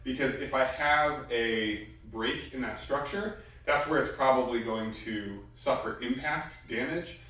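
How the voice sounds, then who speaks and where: A man's voice: medium pitch, a little slow, fairly bright tone. Echoey, distant male martial arts instructor. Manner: explains step by step with short repeated cue words. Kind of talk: instructional demonstration talk. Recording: very echoey room, distant mic.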